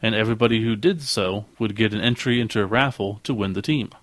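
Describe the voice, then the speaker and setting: A man's voice: fairly low pitch, fast talker, fairly bright tone, no echo. A man co-hosting a podcast, chatting casually and laughing often, restarting his sentences. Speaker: podcast co-host. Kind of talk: casual chat.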